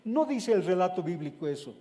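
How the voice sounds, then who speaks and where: A man's voice: sits high, very animated, a little fast, mellow, long reverb tail. A man preaching a sermon, who retells a scripture story step by step and then explains it.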